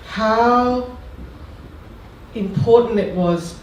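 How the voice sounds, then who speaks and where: Slow thoughtful panelist, far from the mic, lots of echo, bit of hiss. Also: mid-range voice, lo-fi sound. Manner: reflective, halting. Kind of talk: panel discussion. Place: lecture room. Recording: very echoey room, distant mic, faint noise.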